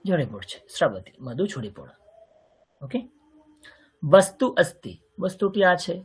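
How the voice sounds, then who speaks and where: Teaching Sanskrit grammar in an online language lesson, this Bengali-accented man patiently explains and repeats words for his students. He sounds a little high and a little slow, with big pitch swings and a slightly mellow, husky quality.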